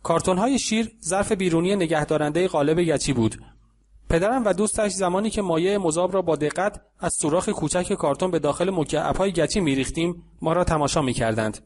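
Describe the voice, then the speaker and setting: A male audiobook narrator whose voice sits a little higher than most men's. He reads in a calm, measured, even way. He gives the characters only light voices in the dialogue.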